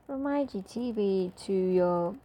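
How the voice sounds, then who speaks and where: A woman's voice: mid-range voice, lively intonation, slow pace, mellow, poor audio. A woman talking through an app tutorial as a casual voice-over, chatty and full of fillers as she walks through each step. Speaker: tutorial presenter.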